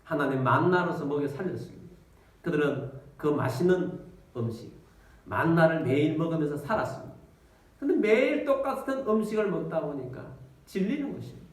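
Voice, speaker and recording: A man's voice: fairly high pitch, brisk. A male pastor preaching a storytelling sermon to his congregation, calling out to them as he tells the story. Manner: storytelling, animated, addresses congregation. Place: church with congregation. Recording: echoey church from a distance.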